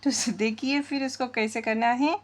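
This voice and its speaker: A woman's voice: on the high side, fairly even intonation, moderate pace. A woman teaching spoken English, repeating sentences word by word and quizzing her viewers.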